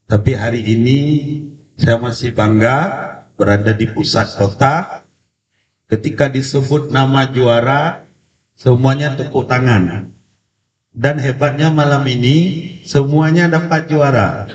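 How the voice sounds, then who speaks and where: A male preacher with a cold giving a religious lecture with a story, speaking slowly and deliberately, heard through a distant, echoey, dull PA sound. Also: medium pitch, fairly even intonation, a little hiss or hum. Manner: slow, deliberate delivery. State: has a cold. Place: community religious event.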